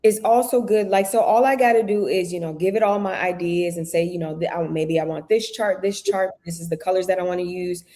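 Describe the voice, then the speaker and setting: A woman's voice: fairly low pitch, steady tone, a little fast, few pauses, mellow. A woman guest in a casual live chat, chatty, often restarting her sentences. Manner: chatty, trailing restarts, exclaims oh my God.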